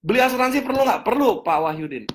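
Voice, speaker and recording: A man teaching a finance seminar as a coach, answering audience questions, repeating key points and checking understanding with quick questions. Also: very high voice, very animated, fairly bright tone, a little hiss or hum.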